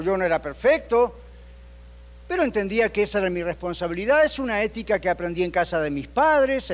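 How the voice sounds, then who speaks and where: An older male pastor preaches with a high-pitched voice. He tells a personal story with animated delivery, shifting into the voices of the people he quotes and putting questions to his listeners. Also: big-room sound. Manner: asks the congregation questions.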